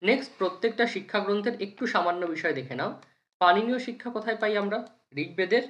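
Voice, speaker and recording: A teacher giving an exam-prep lecture, reciting lists in a steady rhythm and asking questions that they answer right away. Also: medium pitch, fast. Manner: rhythmic listing, asks and answers own questions.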